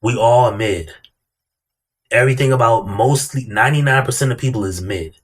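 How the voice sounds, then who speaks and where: A man's voice: mid-range voice, normal speed, breathy edge. A man giving blunt, slangy, casual commentary as a reaction host, hammering points through repetition.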